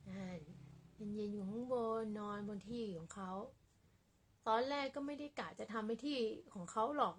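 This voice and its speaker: A woman vlogging casually about her cats in a small apartment room, talking softly and quietly in a relaxed, rambling way. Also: mid-range voice, moderate pace, slight background noise. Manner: speaks softly and quietly to avoid disturbing neighbours; rambling and relaxed with many fillers. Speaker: cat owner vlogger. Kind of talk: casual chat to camera.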